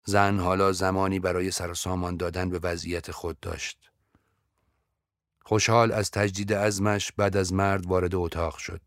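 A man narrating a story in a steady, measured audiobook reading. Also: deep voice, no room sound, clean studio sound.

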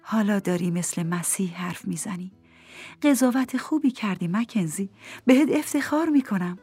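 Reader voicing a gentle, patient wise woman; soft-spoken, mid-pitched, faint music bed. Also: lively intonation, breathy edge. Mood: tender. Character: calm, wise woman gently questioning a grieving man. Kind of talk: audiobook character voice.

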